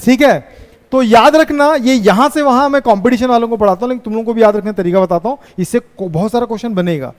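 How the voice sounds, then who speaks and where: A man teaching physics in a classroom, dictating English notes in a Hindi accent, slow and repetitive, and teasing his students with scolds. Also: very high voice, big-room sound. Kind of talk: classroom lecture at a board.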